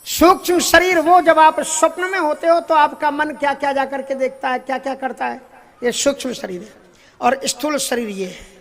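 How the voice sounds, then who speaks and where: A man with a notably high-pitched voice preaches a devotional sermon. He explains spiritual ideas through everyday anecdotes, chuckles along the way, and sometimes slips into English phrases. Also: steady tone, normal speed, fairly bright tone.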